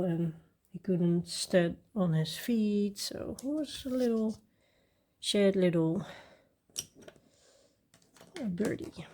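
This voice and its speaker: A woman chatting casually while she colors, soft-spoken and rambling with fillers and restarts. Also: medium pitch, slight background noise. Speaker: coloring channel host.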